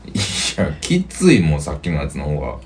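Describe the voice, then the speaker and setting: A man's voice: very deep voice, huge pitch swings, a little fast, darkish tone, a little hiss or hum. A man with a Kansai accent in casual podcast chat, talking bluntly and grumbling. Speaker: podcast co-host.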